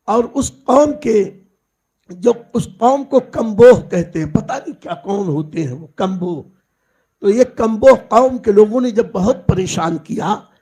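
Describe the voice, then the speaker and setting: Man giving a slow devotional sermon, husky gravelly voice, high pitched. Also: a little mellow. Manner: devotional, storytelling, addresses listeners as friends. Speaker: Islamic preacher. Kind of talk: Urdu sermon storytelling. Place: large gathering, public address.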